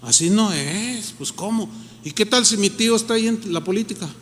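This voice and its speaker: A man's voice: high voice, a little fast, a bit bright, a little hiss or hum. A man with a Mexican Spanish accent preaching a sermon as pastor, in a conversational style that acts out the voices of the people he quotes. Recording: reverberant hall.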